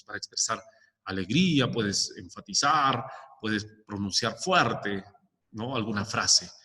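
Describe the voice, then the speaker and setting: A man's voice: medium pitch, a bit bright, long reverb tail. A male teacher giving a recorded lesson, explaining step by step and often checking with the class. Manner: explains with many rhetorical questions and "¿ya?" checks.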